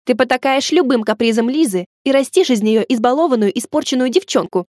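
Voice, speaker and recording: A woman's voice: high voice, brisk, a little mellow, no room sound, studio quality, natural voice. A woman reading an audiobook, playing a bossy, irritable young woman who scolds sharply. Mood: scolding. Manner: syrupy, then snappish.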